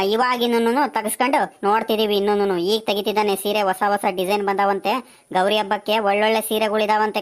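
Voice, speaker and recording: A bossy village woman, played by a woman, nags and teases. Her voice sits high and carries a bright edge. It is a homespun village comedy skit. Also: close to an everyday voice. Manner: nagging, teasing back-and-forth chatter. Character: chatty, bossy village woman shopping for saris.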